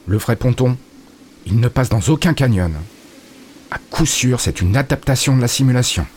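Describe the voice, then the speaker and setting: A man voicing a calm, methodical male soldier who explains things matter-of-factly, in an audio story. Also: medium pitch, normal speed, slight background noise, natural voice. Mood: analytical.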